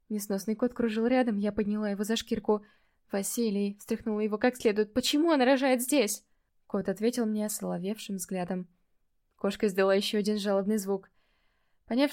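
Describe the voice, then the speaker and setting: A woman narrating a first-person fantasy audiobook, telling it in a measured way, livelier in dialogue and quieter in reflective asides. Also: medium pitch.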